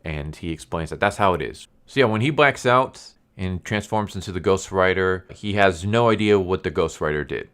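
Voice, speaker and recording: A man's voice: sits low, fairly bright tone, clear, resonant tone. A man who speaks English as a second language and says w for r, stumbling over words as he gives a casual, rambling comic book review. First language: a language other than English. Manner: says w for r, slows down on r sounds.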